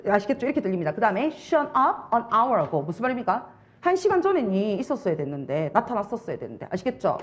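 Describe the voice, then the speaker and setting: Lively Busan-accented woman teaching. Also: mid-range voice, fast. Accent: Busan Gyeongsang Korean. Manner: animated, keeps checking understanding with rhetorical questions. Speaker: English test-prep teacher. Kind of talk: classroom lecture.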